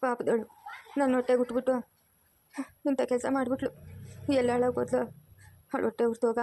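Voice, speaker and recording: A woman's voice: on the high side, level tone, brisk, dark tone. Woman playing a doting village grandmother. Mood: lamenting. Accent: rural Kannada, Chikkaballapur region. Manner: coaxing, soothing. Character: doting rural grandmother, tender and fretful. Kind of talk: cartoon voice acting.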